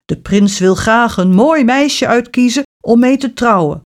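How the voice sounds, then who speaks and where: A woman's voice: fairly high pitch, measured pace, pitched above the performer's own voice, close to an everyday voice. A royal herald, played by a woman, calling out a proclamation in a raised, ringing voice. It has the formal, announcing tone of a storybook messenger. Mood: proclaiming. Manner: loud announcing.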